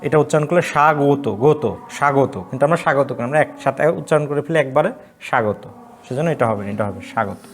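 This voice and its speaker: Lecturer from Bangladesh drilling pronunciation. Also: male voice, mid-range voice. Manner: explains step by step, repeats each word slowly, asks and answers his own questions. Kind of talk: online class lecture on pronunciation.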